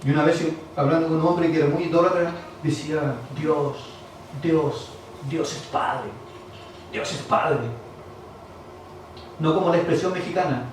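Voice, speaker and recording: Chilean pastor preaching in echoey church. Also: male voice, fairly high pitch, moderate pace, slight background noise. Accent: Chilean Spanish. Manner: lively preaching, acting out voices of others. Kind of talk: sermon. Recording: far-off mic in echoey church hall.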